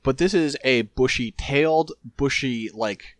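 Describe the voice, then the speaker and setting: A man's voice: medium pitch, measured pace, no room sound. A man co-hosting a podcast in casual chat, wry and laid-back. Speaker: podcast co-host.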